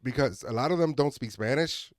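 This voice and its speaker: A man who is a comedian guest on a podcast, from Miami, chatting casually in a joking, profane, animated way. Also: medium pitch, brisk, no echo, clean studio sound.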